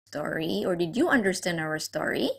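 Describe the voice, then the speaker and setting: A woman's voice: lowish voice, lively intonation, moderate pace, vocal fry, slightly rough. A woman teacher telling a story to young children, asking the class questions, repeating key words and praising their answers. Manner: praising, encouraging.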